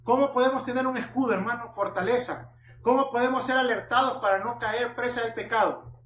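A man's voice: extremely high pitch, fairly quick, fairly bright tone. A man preaching a Bible-teaching sermon, who keeps asking rhetorical questions, answers them himself, and addresses listeners as brother. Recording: echoey room, mic at a distance, faint hum.

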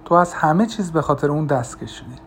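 A man voicing a calm, kind woman friend. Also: a little high, slight background noise. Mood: gentle.

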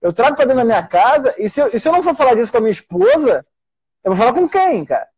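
A man's voice: extremely high pitch, big pitch swings, very fast, darkish tone, breathy edge. A middle-aged Brazilian man, a doctor and teacher hosting a casual live talk, rambling with many restarts. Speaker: host.

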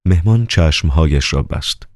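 A man narrating a novel as an audiobook in a calm, even storytelling way. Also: a bass voice, no room sound, studio quality.

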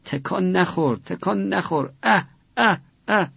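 A man reading a story voices a grieving, stern middle-aged father in a husky, gravelly voice, in a dull, muffled recording. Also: medium pitch, expressive, no echo. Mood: anguished. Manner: pleading, anguished repeated commands.

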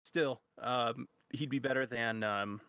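A man's voice: mid-range voice, steady tone, takes it slowly, bright, forceful tone, clean tone, no room sound. A man co-hosting a casual sports chat who hesitates and restarts his sentences often. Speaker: podcast co-host. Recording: dry, dull lo-fi audio.

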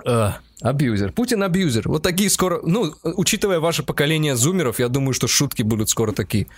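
Ироничный мужчина, ведёт подкаст. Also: male voice, very animated, fast, husky. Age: 30s. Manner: ironic, jokey, big pitch swings when joking. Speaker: podcast co-host. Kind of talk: casual comedic chat.

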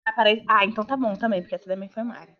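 A woman co-hosting a casual podcast chat, an animated storyteller who swears freely. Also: mid-range voice, very fast. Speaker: podcast co-host. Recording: dull lo-fi podcast audio.

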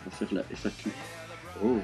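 A man's voice: fairly quick, over loud music. A young man, co-hosting a podcast and leading segments in a teasing casual chat. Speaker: podcast co-host.

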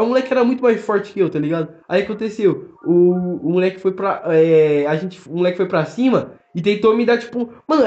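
A young man with a Brazilian accent, telling stories in fast, slangy casual podcast chat full of fillers. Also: high voice, a little mellow. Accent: Brazilian Portuguese. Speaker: podcast co-host. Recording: roomy, dull lo-fi sound.

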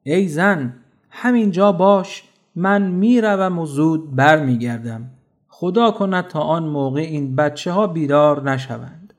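A grave, fair-minded ruler from a children's storybook, speaking with earnest urgency as a male narrator acts him out. The voice sits somewhat high for a man. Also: natural voice. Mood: urgent. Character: grave, just male ruler, middle-aged.

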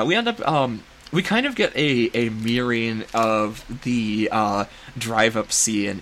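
Casual male podcast host, mid pitch, rambling recap. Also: sharp tone, slight background noise. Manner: rambling, digressive, self-deprecating.

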